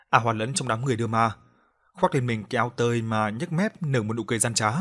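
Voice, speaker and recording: A male storyteller narrates an audiobook in a plain, colloquial manner. His voice sits at an ordinary middle male pitch. He often interrupts the tale with scornful, cursing comments about the characters. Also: fairly bright tone.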